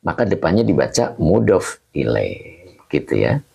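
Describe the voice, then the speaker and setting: Slow, gravelly male religious teacher. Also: low voice, sing-song, dark tone. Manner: patient, repeats each term and asks questions back. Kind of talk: slow kitab reading and grammar lesson.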